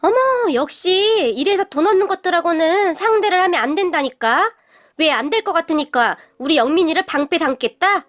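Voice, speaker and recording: A woman's voice: animated, a little fast, fairly bright tone. A woman doing a sneering rich middle-aged mother. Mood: scornful. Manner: sneering, shrill scolding.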